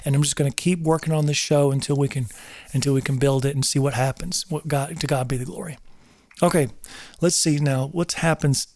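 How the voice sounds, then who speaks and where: A middle-aged man from North Georgia in the US South talks casually and earnestly to viewers of his livestream, rambling, repeating himself, and slipping in preacherly asides. His voice is a little high, steady in pitch, brisk, and darkish in tone. The studio-quality recording has no room sound.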